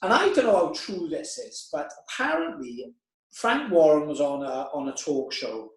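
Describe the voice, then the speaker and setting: Storytelling man, slightly high, roomy echo. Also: normal speed. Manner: lively anecdotal storyteller. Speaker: podcast host. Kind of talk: casual chat.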